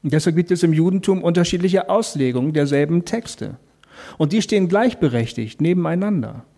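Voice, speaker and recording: Guy doing a calm faith talk, kinda high voice but warm and soft, talks right to you, lots of questions. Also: a little fast, creaky. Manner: explains calmly, speaks directly to the listener; asks rhetorical questions.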